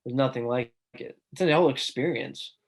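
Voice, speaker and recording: A young man co-hosting a casual podcast. He sounds earnest and enthusiastic, with an ordinary middle-pitched voice and a relaxed, conversational flow. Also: a little fast. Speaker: podcast co-host.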